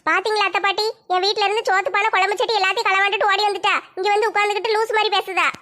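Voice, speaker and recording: A woman acts a village housewife in a comedy skit. She scolds and shouts complaints. Her voice sits very high. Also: steady tone, very fast.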